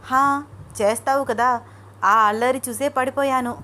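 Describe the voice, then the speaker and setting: A woman's voice: sits high, steady tone, unhurried, sharp tone, voice pushed up. A woman voicing a young husband who dotes on his wife and worries easily, in an eager, fussing tone. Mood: teasing.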